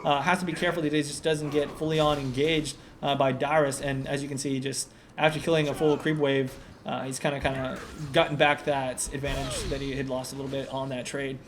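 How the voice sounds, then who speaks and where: A man giving solo play-by-play commentary on a video game, relaxed and analytical with frequent fillers. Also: medium pitch, brisk, noisy background. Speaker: esports commentator.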